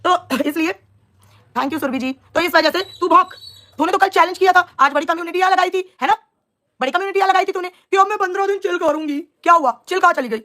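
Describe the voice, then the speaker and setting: A woman's voice: very high-pitched, quick pace, pushed and bright. A young woman on a live stream, scolding and taunting a rival in an angry, combative rant.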